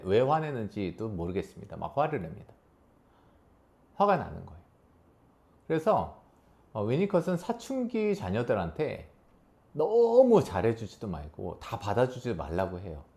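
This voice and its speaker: Guy coaching a room, middle pitch, super lively up and down, acts out little quotes. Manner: animated, acts out quoted voices with big pitch swings. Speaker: coach giving a talk on relationships. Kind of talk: spoken lecture to an audience.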